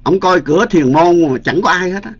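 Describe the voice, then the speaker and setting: A man's voice: sits high, animated, brisk. A man, a Buddhist monk teacher telling a story in a dharma talk, chatty, with many fillers and repeated words. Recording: dull lo-fi recording.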